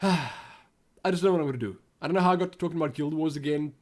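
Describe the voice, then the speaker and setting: He speaks a little high and at a racing clip, a young Western Cape–accented South African hosting a casual Q&A on his gaming YouTube channel. He rambles along as he works out his thoughts aloud.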